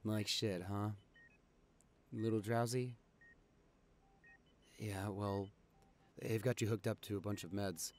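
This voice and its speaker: A young man voicing a caring, anxious boyfriend in an audio role-play, talking softly and reassuringly to his sick partner. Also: lowish voice, steady tone, slow, pauses often. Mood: gentle relieved. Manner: soft, soothing, reassuring. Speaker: voice actor reading a listener script.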